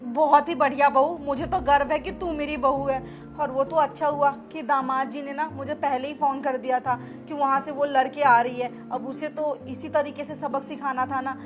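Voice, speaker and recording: A woman's voice: high-pitched, fairly even intonation, moderate pace, music in the background, lightly acted. A woman playing a scheming middle-aged mother-in-law who talks in a pleading, whiny way. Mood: pleased.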